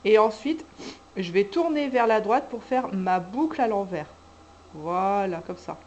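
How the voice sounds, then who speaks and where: A woman teacher calmly explains how to write each cursive letter, naming every stroke as she draws it. Her voice sits at an ordinary middle pitch and stays patient and even. A faint background noise runs under the recording. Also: a little slow, highs cut off. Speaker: kindergarten teacher. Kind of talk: handwriting lesson, step-by-step.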